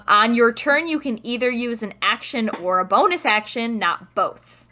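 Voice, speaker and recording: A woman's voice: on the high side, pushed and bright. A woman narrating as game master in a casual tabletop session, laughing and humming while she checks the rules.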